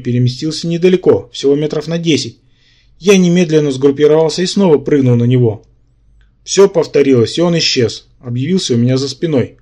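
A man narrating a first-person fantasy audiobook in steady storytelling with wry asides. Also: fairly high pitch.

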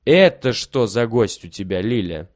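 A spiteful young bully who jeers loudly and swings his voice up and down, as a male reader puts him on. He taunts with a loud storybook voice. The sound is close and dry. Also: fairly low pitch, very animated, a little slow, no echo. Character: spiteful, bullying older brother.

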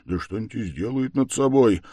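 A man voicing a drunk, boisterous young man who shouts and blusters. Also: mid-range voice, expressive, fairly quick, dry recording, voice pushed up, lightly acted. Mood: blustering loud.

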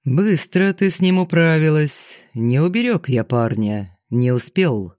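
A man's voice: a little high, expressive, a little slow, no echo, studio quality. A man voicing an arrogant older banker with a curt, commanding, haughty manner in an audiobook. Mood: cold, curt. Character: arrogant older male banker, domineering and explosive.

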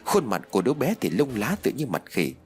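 Expressive male horror audiobook narrator. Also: medium pitch, quick pace, soft background music. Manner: expressive, dramatic storytelling.

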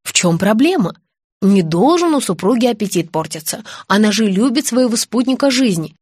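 A woman narrating an audiobook in first person, with lively, ironic storytelling. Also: a little high, moderate pace, slightly rough, no room sound, clean studio sound. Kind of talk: audiobook reading of a comic detective novel.

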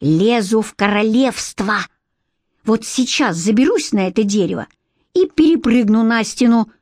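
A woman's voice: fairly high pitch, a little slow, dry recording, clean studio sound. A woman doing a bold, reckless twelve-year-old boy. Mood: daring. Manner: bold, teasing, excitable.

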